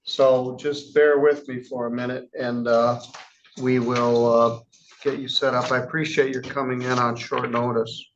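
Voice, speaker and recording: A man presiding as a judge in a courtroom, reading charges in a measured, formal way with casual asides. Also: mid-range voice, level tone, dull audio, slight background noise. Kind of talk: courtroom proceedings.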